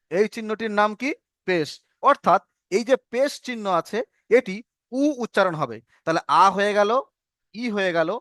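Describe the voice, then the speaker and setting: A man's voice: high voice, a bit bright, dry recording, clean studio sound. A man teaching an online reading class, patiently asking questions and repeating the answers for his students.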